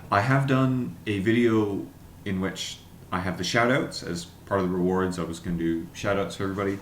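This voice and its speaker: A man's voice: deep voice, steady tone, echoey room, a little hiss or hum. A man chatting casually and wryly to camera as a vlogger, reading things aloud as he goes. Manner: chatty, wry, reads text aloud haltingly. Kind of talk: casual unboxing chat.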